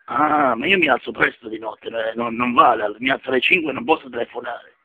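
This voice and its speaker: A man playing a naive, muddled elderly customer on a phone call, with a husky, gravelly voice and a hesitant, apologetic manner. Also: medium pitch, bright, forceful tone. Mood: puzzled. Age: older. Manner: hesitant, apologetic, slow to grasp things. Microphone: telephone. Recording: narrow, tinny phone line.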